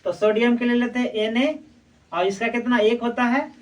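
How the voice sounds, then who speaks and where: Woman, chemistry teacher, quizzing style, higher voice, distant mic. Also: normal speed, a little mellow. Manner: quizzes students with repeated questions and answers them herself. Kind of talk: classroom explanation.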